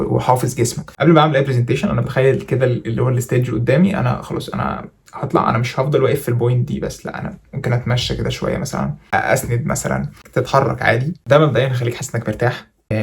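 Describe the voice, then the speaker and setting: A man's voice: medium pitch, creaky. A man with an Egyptian Arabic accent giving presentation tips in a casual, chatty, jokey tutorial vlog. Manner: rapid, chatty, jokey coaching.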